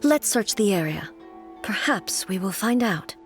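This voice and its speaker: An actress voicing a calm, stern divine ruler who speaks in a measured, formal, commanding way. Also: female voice, mid-range voice, soft background music.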